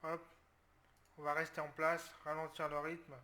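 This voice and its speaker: A man's voice: on the high side, completely flat delivery, a little slow. A man from France commenting live on his football game, tense and talking through his tactics, with outbursts when things go wrong. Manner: tense, talks through his tactics, bursts into loud outcries. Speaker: gaming video creator.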